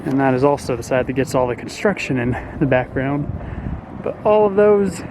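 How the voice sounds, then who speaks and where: Climbing a desert mountain trail, a man narrates a casual hiking vlog to the camera while slightly winded from walking uphill. His mid-range voice is expressive and moderately paced, with noise in the background.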